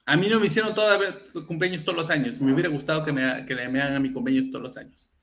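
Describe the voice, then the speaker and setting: A man's voice: a little high, very fast, a bit bright. A man acting out a mother who firmly insists on throwing her child a birthday party. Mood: insistent. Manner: firm and determined.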